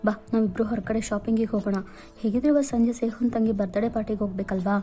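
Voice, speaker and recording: A woman's voice: on the high side, fairly even intonation, quick pace, dark tone, faint music behind, close to an everyday voice. A woman voicing a suspicious young woman who protects her best friend in an audio story. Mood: wary. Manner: suspicious, blunt.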